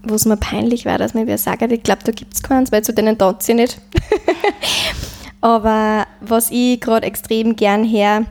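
Upper austrian woman chatting, kinda high voice, thinks out loud. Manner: thoughtful, searching for words. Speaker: musician guest. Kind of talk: casual interview chat.

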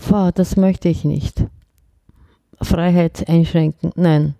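A woman chef, a native Korean speaker, chatting in an interview, animated and often searching for words. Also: fairly low pitch, slow pace, gravelly, no room sound, studio quality. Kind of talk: casual interview chat.

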